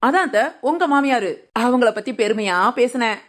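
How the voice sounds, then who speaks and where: A woman's voice: on the high side, animated, moderate pace, lightly acted. A woman voicing a cheeky, lazy young village daughter-in-law in a cartoon, teasing and talking back. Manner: sly, teasing, talks back. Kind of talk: cartoon voice acting.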